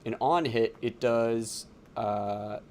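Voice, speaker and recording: A man's voice: mid-range voice, steady tone, slow, darkish tone, slight background noise. A man running a tabletop game as game master, talking casually with lots of fillers and laughs. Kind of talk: narrating a tabletop game on a livestream.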